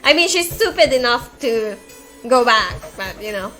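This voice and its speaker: A woman's voice: on the high side, expressive, normal speed, sharp tone, soft background music. A woman streamer reading a visual novel aloud, with chatty asides in between.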